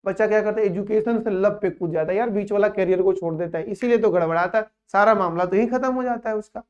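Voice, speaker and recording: A man with a high, darkish voice gives a fast-paced math lecture in a classroom, playfully teasing and joking with his students between steps of working. The highs in the recording are cut off.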